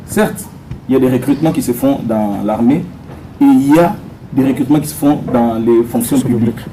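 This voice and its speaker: A man's voice: mid-range voice, a little fast, mellow, a little hiss or hum, rough recording. A man from Congo, a soldier, putting pointed, insistent questions to a politician at a public meeting. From Democratic Republic of the Congo.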